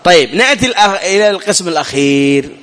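A man teaching recitation rules in a recorded lesson. He asks the listener questions and slowly demonstrates each sound. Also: high voice, lively intonation, a bit bright, big-room sound. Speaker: tajweed teacher.

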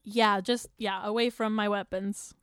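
A woman's voice: mid-range voice, fairly even intonation, unhurried, crowd noise. A woman playing a tabletop role-playing game casually, with a playful, self-deprecating manner. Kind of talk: casual improvised tabletop play.

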